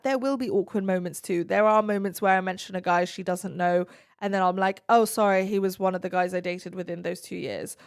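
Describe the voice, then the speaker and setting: A woman hosting an advice podcast, answering listener questions in an earnest, direct and reassuring way. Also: mid-range voice.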